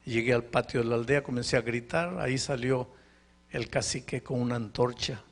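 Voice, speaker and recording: A pastor preaching to a live congregation, telling a story with dramatic pauses and anguished questions. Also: male voice, mid-range voice, steady tone, vocal fry. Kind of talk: narrative sermon storytelling. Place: live sermon before a congregation.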